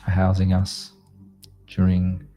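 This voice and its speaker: A man leading a guided meditation in a slow, gentle, soothing manner, like a sleep story narrator, in short spaced phrases. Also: sits low, completely flat delivery, soft background music. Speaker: meditation guide, host of a live group session.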